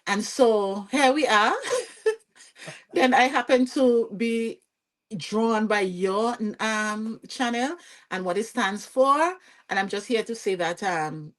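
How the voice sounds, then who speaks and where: A woman with a Vincentian accent, a podcast guest telling her story in a lively, chatty way and often checking in with "you see what I'm saying?". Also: fairly high pitch, takes it slowly. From Saint Vincent and the Grenadines. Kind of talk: conversational storytelling interview.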